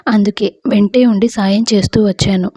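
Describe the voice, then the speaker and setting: A woman's voice: medium pitch, steady tone, moderate pace, warm tone, breathy edge, no echo, lightly acted. A woman voicing an anxious young husband and father who is devoted to his wife, speaking in a worried, pleading way, in a Telugu audio story.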